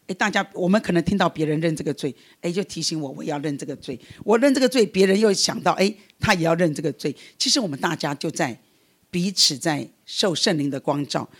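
A man's voice: fairly high pitch, lively intonation, fast, slightly rough. A man giving an earnest, conversational sermon, telling a personal story with many restarts and fillers. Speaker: preacher.

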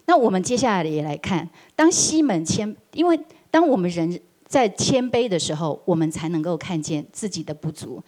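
Woman preacher, sermon with personal testimony, animated storytelling delivery. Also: fairly low pitch, moderate pace, few pauses. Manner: animated storytelling, acts out quoted voices.

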